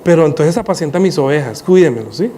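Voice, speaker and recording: A man voicing a gentle male teacher who asks softly and repeatedly. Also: fairly high pitch, lively intonation, quick pace, a little hiss or hum, pitched below the performer's own voice, lightly acted. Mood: tender. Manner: soft, repeated pleading questions. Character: gentle adult male teacher pleading with a friend.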